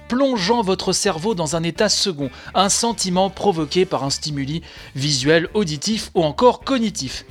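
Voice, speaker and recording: A man's voice: high-pitched, a bit bright. A man hosting a daily video game news podcast, chatty and self-mocking with jokey asides. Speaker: podcast host.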